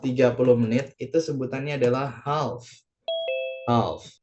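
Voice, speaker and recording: A man's voice: medium pitch, steady tone, moderate pace, lo-fi sound. A man with an Indonesian accent teaching an online English lesson, patiently repeating each point and translating it phrase by phrase.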